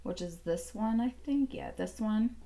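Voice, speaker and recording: A woman's voice: medium pitch, animated, unhurried, dark tone. A woman in her thirties chatting casually through a makeup tutorial at home, rambling and thinking aloud with lots of fillers. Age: 30s. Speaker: beauty vlogger.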